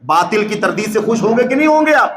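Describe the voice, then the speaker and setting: A man preaching a sermon in a mosque, emphatic, with rhetorical questions and loud exclamations. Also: high-pitched, expressive. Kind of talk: Urdu sermon lecture. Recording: echoey hall with faint ambience.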